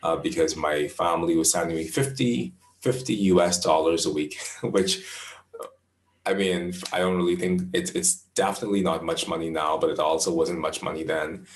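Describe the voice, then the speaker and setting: A Bahamian man in his twenties, a professional astrologer answering interview questions in a thoughtful, measured way, often restarting his phrases. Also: low-pitched, fairly even intonation, roomy sound. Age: 20s.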